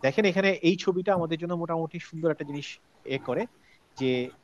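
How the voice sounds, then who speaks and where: A man's voice: on the high side, fairly quick, dull audio. Bangladeshi man teaching an online class. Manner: explanatory, asks the class questions. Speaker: Quran recitation teacher.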